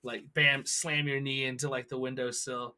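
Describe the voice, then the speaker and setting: A man's voice: mid-range voice, flat delivery, normal speed, bright, forceful tone. A man running a tabletop game as game master, describing scenes in a loose, stop-start way with fillers.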